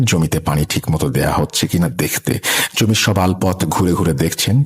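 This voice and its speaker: A man hosting a horror radio show, narrating a ghost story in a measured, dramatic way. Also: low-pitched, slightly rough.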